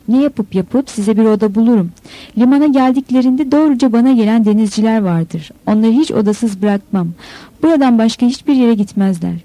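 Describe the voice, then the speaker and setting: A woman's voice: on the high side, dark tone, no echo, close to an everyday voice, rough recording. A woman voicing a smiling, nosy middle-aged landlady in a spoken novel.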